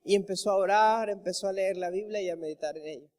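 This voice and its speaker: A man's voice: high voice, quick pace, a little mellow, big-room sound. A male pastor preaching a sermon, emphatic, repeating his phrases and calling his listeners brother.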